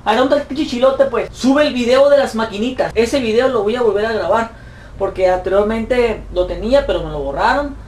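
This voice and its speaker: A man's voice: brisk, darkish tone. A man with a Mexican accent, a YouTuber answering fan questions in a profane, mocking comic rant. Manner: profane, mocking, shrill put-on voices when quoting. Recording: roomy echo, distant mic, faint noise.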